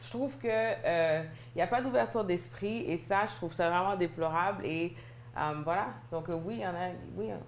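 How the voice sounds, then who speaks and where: A woman in a casual panel discussion, telling stories in an animated, indignant way. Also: lowish voice, normal speed. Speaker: panel guest. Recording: echoey room with faint noise.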